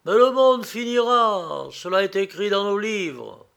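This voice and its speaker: Un homme qui lit une histoire et prête sa voix à un prieur, un moine sévère et exalté, sur un ton impérieux. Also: male voice, fairly high pitch, takes it slowly, creaky, fairly bright tone, full character voice. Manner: imperious, insistent. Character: stern, zealous male monk prior.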